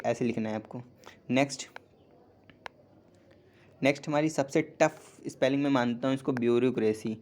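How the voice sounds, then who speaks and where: Young male tutor, mid-pitched voice, patient and repetitive delivery, faint hiss in the background. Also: darkish tone. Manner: explains slowly, repeats words, asks and answers himself, "ठीक है" after each point. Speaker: English teacher on a channel. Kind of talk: casual classroom lesson.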